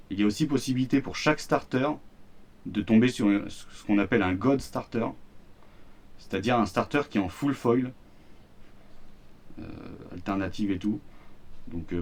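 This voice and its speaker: A man's voice: on the low side, darkish tone. A man with a French accent, casually presenting the cards of a starter deck, rambling with fillers and slang. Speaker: card game YouTuber. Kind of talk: casual deck unboxing commentary.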